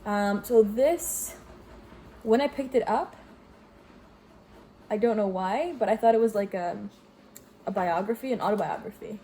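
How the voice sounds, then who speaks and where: Young woman, warm mellow tone, rambling casual book chat, faint room hum. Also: medium pitch, a little slow, pauses often. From Greece. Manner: chatty, rambling with fillers and self-corrections. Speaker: book vlogger. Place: home with washing machine running.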